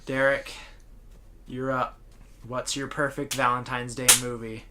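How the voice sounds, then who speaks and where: A man's voice: mid-range voice, flat delivery, measured pace, sharp tone. A man co-hosting a podcast, chatting casually and joking between laughs. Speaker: podcast co-host. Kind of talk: casual chat.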